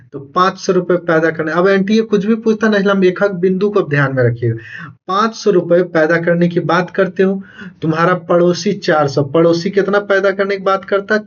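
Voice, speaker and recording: A man's voice: high voice, highs cut off. A man teaching a literature exam class, reading passages aloud and then explaining them, often repeating points and quizzing his students. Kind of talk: exam-prep lecture reading a novel aloud.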